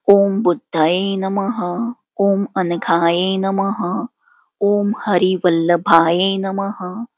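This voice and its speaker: Woman slowly chanting sacred names. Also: medium pitch, darkish tone, no echo. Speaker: devotional channel host.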